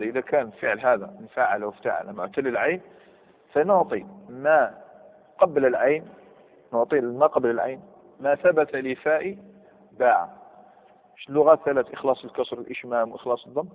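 A man with an Algerian Arabic accent teaching a grammar lesson, explaining rules step by step and quizzing his students. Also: mid-range voice. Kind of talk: classroom lesson. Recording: tinny lo-fi recording in a reverberant hall.

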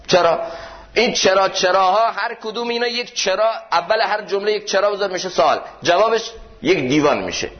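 A man giving a sermon in a mosque, telling stories and slowing down to stress key points with questions. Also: a little high. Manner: storytelling, slows down for emphasis and poses questions. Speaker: preacher. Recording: dull lo-fi recording.

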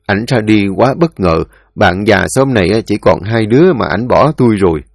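A man voicing an old village man, speaking in a somber, measured way. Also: on the low side, expressive, dry recording, clean studio sound. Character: old village man, the late man's friend.

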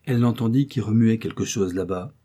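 A man narrating a literary story in measured, expressive tones. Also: fairly low pitch, slightly rough. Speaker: audiobook narrator.

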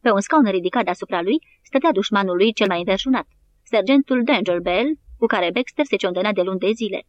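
A woman narrating an audiobook in a steady, even reading style. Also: medium pitch, dull audio. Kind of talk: scripted narration.

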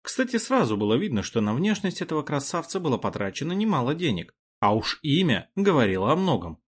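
Husky man narrating an audiobook. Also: fairly high pitch, fairly quick. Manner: wry, expressive storytelling. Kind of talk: first-person audiobook narration.

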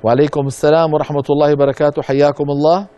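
Dark-voiced man explaining Quran recitation. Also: a little high, level tone, muffled recording. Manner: demonstrates recitation errors by drawing out words slowly; addresses listeners as brothers, gentle and instructive.

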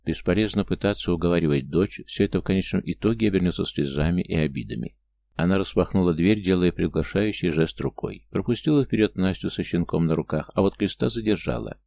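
A man reading an audiobook aloud in a measured, steady delivery. His voice is very low and gravelly, with a dark, mellow tone throughout. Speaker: audiobook narrator. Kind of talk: scripted audiobook narration.

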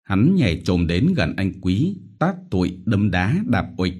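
A man reading a novel aloud in a dramatic, expressive way. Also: low-pitched, unhurried, husky. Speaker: audiobook reader. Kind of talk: novel narration.

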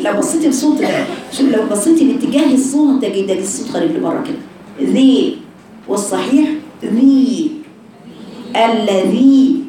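A woman's voice: fairly high pitch, dark tone. A woman with an Egyptian Arabic accent teaching Quran recitation to a class of girls, repeating sounds over and over and quizzing her students. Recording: echoey room, voice far from the mic.

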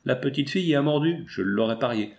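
A man's voice: medium pitch, animated, normal speed, a little mellow, natural voice. A man voicing a coarse, middle-aged German saloon keeper who mocks boisterously, in an audiobook. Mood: mocking, brash. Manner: boisterous, mocking laughter.

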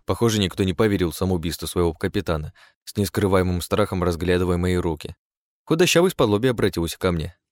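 A man's voice: low voice, animated, quick pace, a little mellow, dry recording. A man narrating a first-person fantasy audiobook, with wry, sardonic asides.

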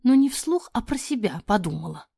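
A woman narrating a fairy-tale audiobook in an expressive voice that often drops to a breathy near-whisper. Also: medium pitch, normal speed, no echo, clean studio sound.

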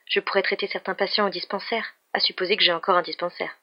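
A woman's voice: lowish voice, fairly even intonation, fast. A woman voicing a young female doctor who presses with urgent, practical questions, in a dull lo-fi recording.

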